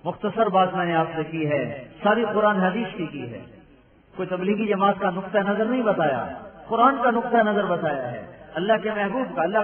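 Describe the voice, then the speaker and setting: An emotional man preaching and pleading, with a fairly high voice. He sounds far from the mic in an echoey space, and the sound is thin and phone-like. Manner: emotional, pleading, with rhetorical questions and Arabic recitation. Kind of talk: impassioned sermon.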